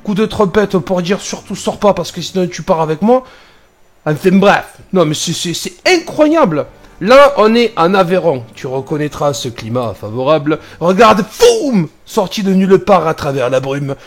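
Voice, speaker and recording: A man driving a truck in France, commenting on the road in a joking, exasperated way. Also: high-pitched. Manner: joking, animated, exasperated at other drivers. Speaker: truck driver. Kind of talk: casual dashcam commentary.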